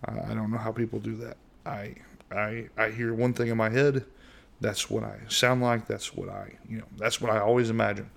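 Speaking at a moderate pace with a fairly low, gravelly voice, a middle-aged American man runs a casual one-person podcast. He delivers it in a monotone, wandering with many fillers and restarts.

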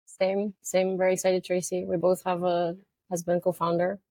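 A woman's voice: lowish voice, completely flat delivery, normal speed, a little mellow, no room sound. A woman from Romania with a Romanian accent, a company co-founder speaking as an interview guest in a thoughtful, hesitant way, with many fillers and restarts. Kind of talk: conversational interview.

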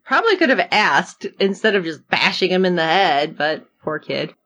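Animated woman co-hosting a podcast. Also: lowish voice, moderate pace. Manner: animated, acts out her own reactions. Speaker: podcast co-host. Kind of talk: casual chat recapping a TV episode.

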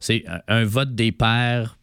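A man with a Quebec French accent and a hoarse, raspy smoker's voice from laryngitis, co-hosting an informal, hesitant cinema chat. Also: medium pitch, takes it slowly, a bit bright, dry recording. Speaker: radio show co-host. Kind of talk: casual chat about cinema.

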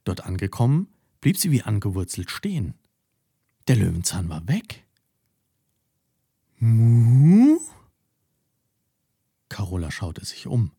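A man narrating a children's story in an expressive storytelling way. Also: sits low, moderate pace, gravelly, slightly rough, no echo, studio quality.

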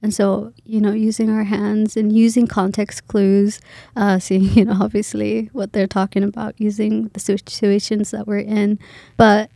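A woman's voice: mid-range voice, monotone, normal speed, creaky, dark tone, dry recording, clean studio sound. A woman in her twenties from Kenya, a graduate student talking in a casual interview, hesitant with many fillers and restarts.

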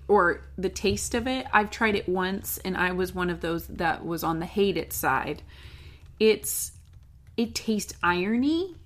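A woman's voice: mid-range voice, a bit bright. A woman co-hosting a casual food podcast, chatty and joking, laughing often, and explaining food history from her notes. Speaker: podcast co-host. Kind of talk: casual chat.

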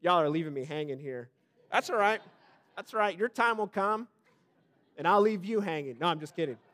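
Pastor guy preaching, highish voice, dynamic, loud then soft, checks in with the crowd, jokes a bit. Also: expressive, a little fast. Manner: dynamic preaching, swings from loud bursts to hushed low lines; calls out to the congregation for response. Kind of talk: sermon.

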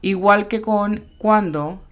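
A woman hosting a bilingual English-lesson podcast as the teacher, explaining words and spelling out their pronunciation slowly and carefully. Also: medium pitch.

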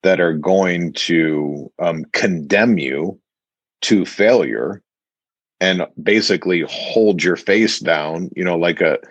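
A man's voice: low voice, slow, husky, no echo, muffled recording. A man co-hosting a podcast, talking earnestly and conversationally, with many fillers. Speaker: podcast co-host.

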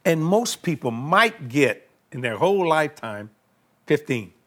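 Older guy, tv preacher, folksy talk, kinda high voice. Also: big pitch swings, unhurried, fairly bright tone. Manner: folksy, colloquial grammar. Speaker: televangelist host.

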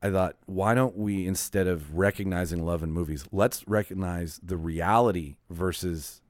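A man hosting a casual podcast chat, a little hungover, talking in a halting, rambling, jokey way. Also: deep voice, no echo, clean studio sound. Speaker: podcast host.

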